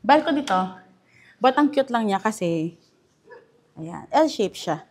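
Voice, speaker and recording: A woman's voice: a little high, very animated, slow, a little mellow. A young woman with a Filipino accent giving a casual house tour, chatty and enthusiastic as she points out features room by room. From Philippines. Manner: chatty and enthusiastic, mixing Tagalog and English. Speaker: real estate house tour host. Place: indoors in a furnished house.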